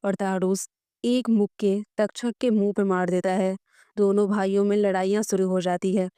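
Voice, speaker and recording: Female storyteller for a recap channel, warm and smooth, dry close sound. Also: mid-range voice, little pitch movement, moderate pace, dry recording. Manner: reads all characters' lines in near her own voice. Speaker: story explainer narrator. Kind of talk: dramatic story recap narration.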